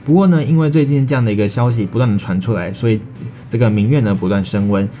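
Presenting breaking news quickly in a dark, lowish voice, this Taiwanese-Mandarin-accented man mixes script with ad-libbed transitions. He tends toward wordiness, repeating fillers and restarting words mid-sentence, over soft background music.

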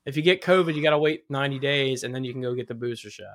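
A man's voice: mid-range voice, rapid-fire, a bit bright. A man chatting casually on a podcast, rambling and repeating himself as he talks about losing his sense of smell. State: recovering from covid, no smell. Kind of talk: casual chat.

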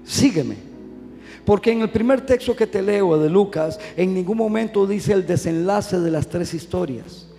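A man's voice: high voice, normal speed, hardly any pauses, mellow, in a large hall, soft background music. A male pastor preaching a sermon, with impassioned, repetitive phrasing.

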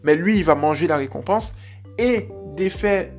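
Dog trainer, casual chatty coaching, mid pitch, faint music behind. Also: normal speed. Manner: chatty, loose, full of fillers and restarts. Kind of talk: casual spoken coaching advice.

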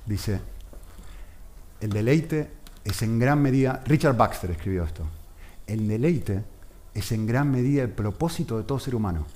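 A man, a pastor preaching a sermon in an animated manner, acting out dialogues. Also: medium pitch.

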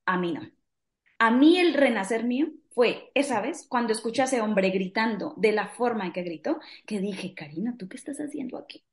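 A woman's voice: a little high, expressive, moderate pace. A woman from Colombia in her forties, a podcast guest chatting frankly and acting out dialogue as she tells stories. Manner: frank, storytelling, acts out dialogue. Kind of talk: casual interview chat. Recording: roomy echo.

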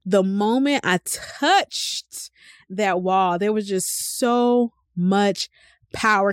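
A woman's voice: medium pitch, dry recording. A woman hosting a podcast who shares a personal reflection in a heartfelt, emotional way and is often close to tears as she talks with devotion about prayer. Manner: devout, speaks of prayer with fervor; chatty, addresses listeners as y'all. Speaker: podcast host.

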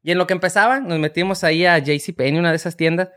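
A man in his thirties, a podcast co-host telling a story in lively casual chat and acting out the voices. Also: a little high, very fast. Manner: animated storyteller, acts out voices, swears freely.

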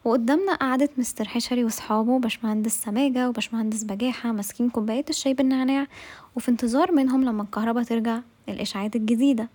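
A woman's voice: fairly high pitch, fairly even intonation, rapid-fire, a little mellow. A woman with an Egyptian accent hosting a podcast, telling a comic office diary in a chatty, sarcastic way with asides to her listeners. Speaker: podcast host and narrator. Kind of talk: comic diary-style storytelling.

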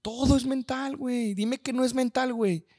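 A man's voice: very high voice, fairly even intonation, normal speed, darkish tone. A man with a Mexican accent co-hosting a casual podcast, talking in crude slang and saying "güey" constantly. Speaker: podcast co-host. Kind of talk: casual chat.

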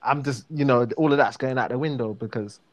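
A man with a South London accent in a relaxed casual chat, full of fillers and restarts. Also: medium pitch, a little fast. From South London, England.

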